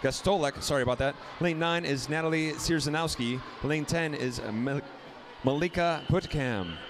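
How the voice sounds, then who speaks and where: A man calls a swim meet over the PA, running through lanes, names and times at a steady clip. His voice sits a little high for a man. A faint hum of noise runs under him. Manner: rapid lane-by-lane roll call, rising excitement on close finishes. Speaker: meet announcer. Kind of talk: live swim meet announcing and commentary.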